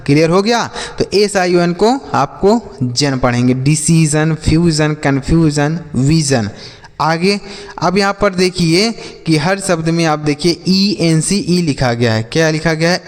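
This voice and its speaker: A man teaching English spelling and pronunciation, patiently asking and repeating each answer to drill his pupils. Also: on the high side. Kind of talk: classroom-style phonics lesson. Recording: long hall reverb.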